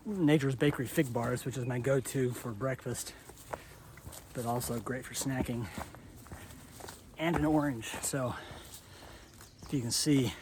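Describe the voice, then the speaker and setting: A man filming himself with a selfie stick while he walks a hiking trail, out of breath and thinking aloud in halting bursts. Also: mid-range voice, noisy background. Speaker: hiker vlogger. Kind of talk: reflective vlog while walking. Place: outdoor forest trail. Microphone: camera on a selfie stick, held at arm's length and farther.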